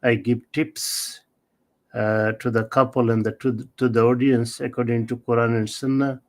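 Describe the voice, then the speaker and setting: A middle-aged man from Bangladesh, answering interview questions as an author in a measured, halting way with many fillers. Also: medium pitch, flat delivery, a little mellow. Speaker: author and marriage celebrant, interview guest.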